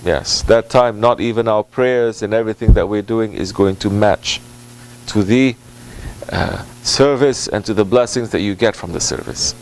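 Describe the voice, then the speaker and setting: Answering a question in an informal sermon, this man speaks as a Sufi teacher, lowish in voice, deliberate and halting, repeating things for emphasis and weaving Arabic and Turkish devotional phrases into English. The recording is low quality with slight background noise.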